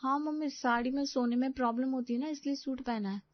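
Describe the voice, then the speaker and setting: A woman's voice: sits high, fairly even intonation, fast talker, no room sound, pitched above the performer's own voice, close to an everyday voice. A woman voicing a put-upon young daughter-in-law who grumbles in an exasperated way. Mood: grumbling. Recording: slightly dull, dry close recording.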